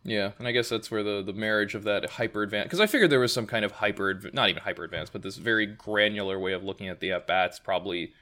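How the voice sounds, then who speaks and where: A man with a low but bright, forceful voice co-hosts a casual podcast. He talks in long, winding thoughts and corrects himself often. His asides are dry and wry. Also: fast, hardly any pauses. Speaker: podcast co-host. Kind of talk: casual chat.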